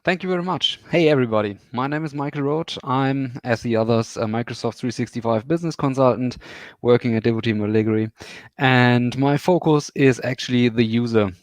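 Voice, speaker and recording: A business consultant introduces himself on a live web panel, relaxed and pleasant, sometimes repeating himself. His voice comes across dry and close, with no room around it. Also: mid-range voice, fairly quick, no echo. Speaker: guest presenter, business consultant.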